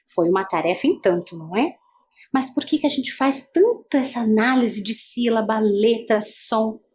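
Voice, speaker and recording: A woman's voice: a little high, a little mellow. A female teacher with a Brazilian Portuguese accent, giving an adult-education video lesson, patient and asking many guiding questions.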